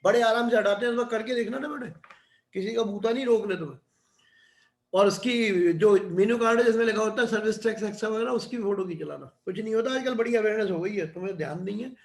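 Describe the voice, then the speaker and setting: Middle aged guy teaching class, chatty, keeps saying "right?", gravelly voice, roomy echo. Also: sits high, quick pace. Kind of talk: classroom lecture.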